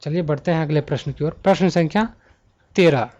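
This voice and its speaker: A man teaching a Hindi grammar exam-prep lesson, talking students through multiple-choice answers and slowing down to list letters one by one. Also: a little high, darkish tone, muffled recording. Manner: slows to spell out letter lists one by one.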